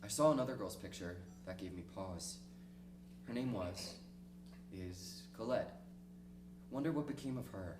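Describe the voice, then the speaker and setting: A man acting a lonely, cynical middle-aged diarist in a dramatic stage reading, speaking reflectively and ruefully with halting pauses. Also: on the low side, animated. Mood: wistful, longing. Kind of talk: dramatic monologue in a one-act play reading. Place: small theater stage, recorded from the audience distance. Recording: distant, echoey stage recording with noisy hum.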